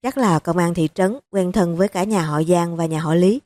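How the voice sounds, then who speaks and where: A woman voicing a cautious young male police subordinate who speaks quietly and deferentially, in an audiobook reading. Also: lowish voice, normal speed, no room sound, natural voice.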